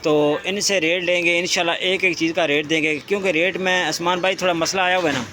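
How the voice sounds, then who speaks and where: A man hosting a shop tour in a sales-pitch style, repeating each item and price as he presents it. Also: little pitch movement, fast, sharp tone, slight background noise. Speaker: host presenting a wholesale shop's goods and prices.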